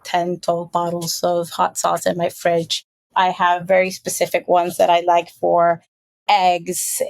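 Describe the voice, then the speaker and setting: A woman from Puerto Rico, a marketing executive guest, telling stories in a chatty, relaxed interview. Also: on the low side, creaky, no echo. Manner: chatty, storytelling, frequent fillers. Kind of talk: casual interview.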